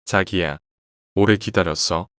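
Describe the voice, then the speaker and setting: Man doing a scared young woman in a horror story, anxious, low dry voice. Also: unhurried, a bit bright, no echo. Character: frightened young woman, the teller.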